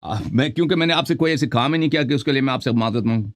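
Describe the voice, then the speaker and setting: A man hosting a live call-in debate show, scolding and cutting in on a caller in a sharp, argumentative way. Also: mid-range voice. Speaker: host.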